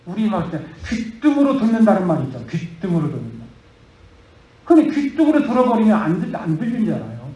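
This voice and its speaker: A man's voice: sits high, wildly swooping pitch, a little fast, warm tone, muffled recording. A male pastor preaching a sermon, telling a story and then urging his listeners with rising fervor. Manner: rising to fervent, urgent exhortation. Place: church. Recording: roomy church hall.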